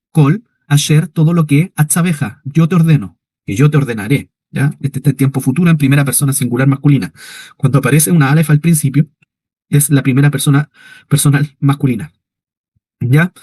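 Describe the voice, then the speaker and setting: A man's voice: on the high side, warm tone, no room sound. A man teaching an online Hebrew class, explaining patiently and often checking whether his students follow. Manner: explanatory, checks understanding with frequent "¿ya?".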